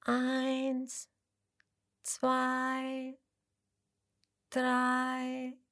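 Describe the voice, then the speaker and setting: Lisa, a woman doing a bright little fox girl. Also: sits high, slow, dry recording, studio quality, pitched above the performer's own voice, heavily acted. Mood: eager. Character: little girl fox, wide awake and sleepless.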